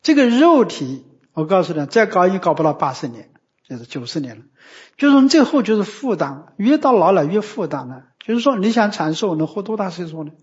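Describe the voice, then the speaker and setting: High-voiced man giving a didactic dharma talk. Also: big pitch swings, brisk, darkish tone. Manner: repeats tag questions, emphatic and didactic. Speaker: Buddhist teacher. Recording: muffled lo-fi recording.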